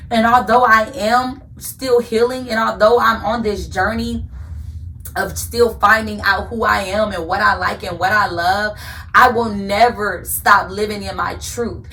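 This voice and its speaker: A woman's voice: medium pitch, sharp tone, distant mic, a little hiss or hum. A woman hosting a podcast, giving an earnest faith-based motivational talk and repeating phrases for emphasis like a preacher. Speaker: podcast host.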